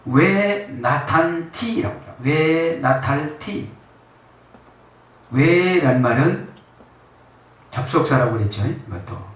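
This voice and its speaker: A man's voice: on the high side, expressive, slow, pauses often. A male pastor preaching a sermon, constantly checking in with the congregation through short questions and rhetorical prompts. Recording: very echoey room, mic far off.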